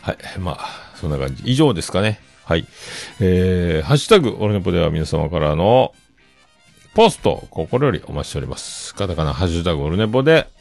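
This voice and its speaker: A man's voice: low voice, big pitch swings, quick pace, vocal fry, few pauses, a little mellow, faint music behind. A middle-aged man hosting a solo podcast, rambling casually and trailing off into mumbled asides.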